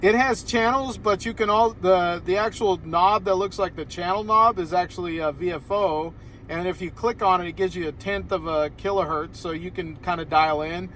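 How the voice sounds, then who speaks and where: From a parked car on a hillside, an American man holds a casual ham radio conversation, rambling somewhat. His voice is high-pitched and a bit bright, his pace moderate, and slight background noise runs underneath.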